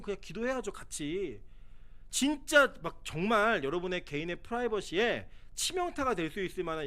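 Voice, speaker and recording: A man's voice: high-pitched, a bit bright. A man pastor giving a conversational sermon, acting out quoted voices as he preaches. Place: church sanctuary.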